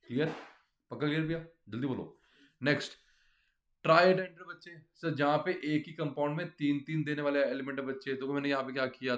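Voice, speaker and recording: A man teaching a chemistry class, explaining step by step and often quizzing his students. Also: mid-range voice. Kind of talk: classroom lecture.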